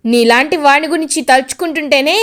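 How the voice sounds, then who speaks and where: A woman reads the part of an enraged middle-aged father in a serial recap. He shouts in outrage and hurls threats, all in a high, light voice. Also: expressive, moderate pace.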